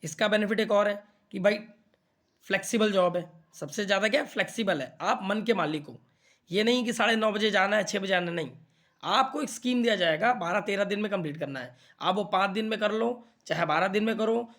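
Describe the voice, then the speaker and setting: A man's voice: high voice, moderate pace, a bit bright. A young man coaching exam students in a chatty, explaining way, often checking that they follow. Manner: chatty, repeats "theek hai na" to check understanding. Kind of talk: casual explainer talk to students.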